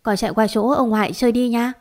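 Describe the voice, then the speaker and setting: A woman voicing a kind, motherly village woman who speaks gently and turns tearful. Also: a little high, steady tone, fast talker, natural voice. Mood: gentle.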